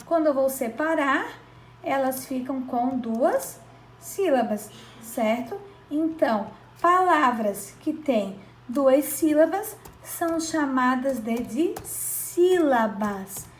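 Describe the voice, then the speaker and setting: A woman's voice: high-pitched, expressive, slight background noise. Patient teacher, woman, roomy sound. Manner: slow, patient, stretches out syllables, checks in with "certo?". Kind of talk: children's grammar lesson.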